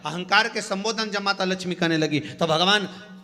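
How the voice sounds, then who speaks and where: A male storyteller preaches with a forceful, bright, fairly high voice, pushing rhetorical questions at his listeners. A long hall reverb and faint instrumental music surround him. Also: moderate pace. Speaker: religious storyteller. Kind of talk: devotional story sermon.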